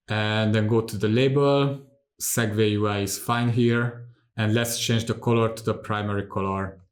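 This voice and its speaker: A man in his thirties from Hungary, calmly explaining software steps one by one in a screen-recorded tutorial, recorded seated in a home studio. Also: on the low side. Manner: calm, methodical step-by-step explaining. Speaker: tutorial host.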